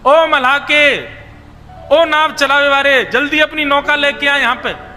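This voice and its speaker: A man's voice: very high-pitched, unhurried, full character voice. A man voicing anxious young village milkmaids who plead and call out, with a Braj accent. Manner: pleading, calling out loudly. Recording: reverberant hall with music behind.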